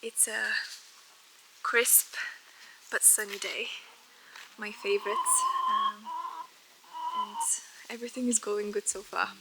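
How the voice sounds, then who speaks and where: A woman's voice: mid-range voice, expressive, takes it slowly, long pauses, background noise. A woman vlogging a country house renovation, chatty and upbeat, laughing easily as she shows the work. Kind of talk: casual vlog narration.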